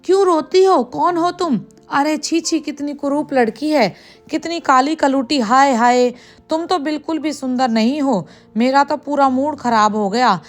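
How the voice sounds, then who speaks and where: A woman's voice: high-pitched, unhurried, soft background music. A woman voicing a lazy, fussy male ghost who lives in a tree, grumbling and then kindly and boastful. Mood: disgusted.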